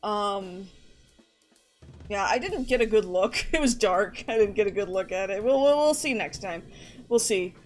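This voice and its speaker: A woman's voice: mid-range voice, expressive, unhurried, soft background music. A woman streamer chatting casually to her live audience, rambling and going off on tangents. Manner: rambling, chatty, often restarts and trails off.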